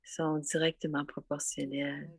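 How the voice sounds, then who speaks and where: Low, husky woman giving a spiritual talk. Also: flat delivery, moderate pace. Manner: reflective, repeats and rephrases phrases. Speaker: spiritual speaker.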